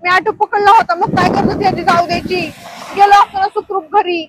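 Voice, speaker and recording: High-voiced young woman vlogging. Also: fairly even intonation, fairly quick, fairly bright tone, slight background noise, low-quality recording. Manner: complaining, playful, talks to viewers. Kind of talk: casual vlog chat. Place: outdoors in rain, city street. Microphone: phone held in hand. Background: rain.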